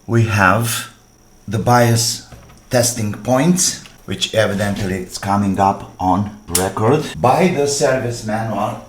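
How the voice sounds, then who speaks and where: Talking very slowly in a fairly low voice, a DIY electronics presenter works hands-on through a repair, thinking out loud in brief, halting phrases. Faint noise can be heard in the background.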